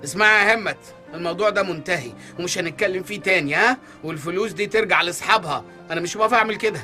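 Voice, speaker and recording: An actor playing a broke, hot-tempered, sarcastic husband in a comic radio serial, with an Egyptian accent. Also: male voice, sits high, racing, pushed and bright, faint music behind. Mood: scolding. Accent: Egyptian Arabic. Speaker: struggling husband and father.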